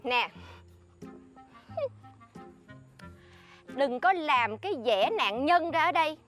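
A woman's voice: sits high, animated, normal speed, fairly bright tone, soft background music. An actress playing a bossy, scheming woman who lectures and scolds her friend with dramatic exclamations in a comedy sketch. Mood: accusing.

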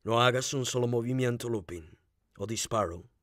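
A man's voice: mid-range voice, moderate pace, a bit bright, no echo, clean studio sound, pitched below the performer's own voice, lightly acted. A man voicing a proud, ironic English detective who speaks coldly and mockingly in an audiobook reading. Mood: threatening. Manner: cold, mocking and threatening.

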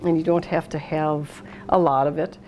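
A middle-aged American woman speaks in a low, slightly mellow voice with a steady tone and moderate pace. She is hosting a casual cooking demonstration at a steel worktop in an indoor kitchen, unhurriedly narrating each step. Clattering dishes and noisy room sound are audible.

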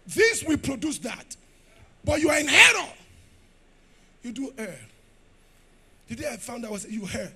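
A man with a Nigerian accent preaching a sermon, shouting at times and dropping to low asides. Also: very animated, moderate pace, gravelly, long pauses, husky. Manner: rugged preaching style. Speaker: pastor.

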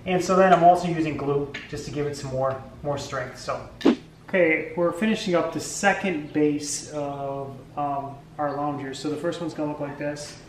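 A man's voice: on the high side, moderate pace, echoey room, background noise. A man in his forties hosting a casual DIY vlog, talking his way through a woodworking build in his garage. He rambles a little, with lots of ums and restarts. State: tired. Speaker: DIY channel host. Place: garage workshop, indoors.

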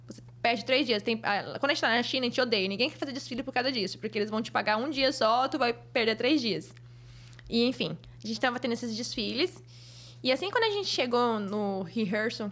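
Fast-talking, high-voiced Brazilian woman. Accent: Brazilian Portuguese. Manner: lively, expressive, acts out other people's voices. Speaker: guest, fashion model. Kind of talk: casual storytelling in a podcast interview.

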